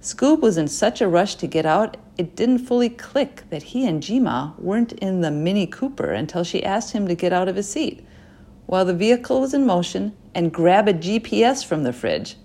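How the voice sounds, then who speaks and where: A woman narrating a children's chapter book in an expressive storytelling voice, dropping quietly into asides. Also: mid-range voice, moderate pace. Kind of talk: audiobook reading.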